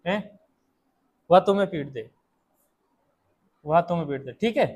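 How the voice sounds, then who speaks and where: A man with a Hindi accent leads a classroom English lesson, going slowly, repeating points and drilling students with questions. His voice sits a little high, with lively intonation and a slightly mellow, husky quality. The recording is rough.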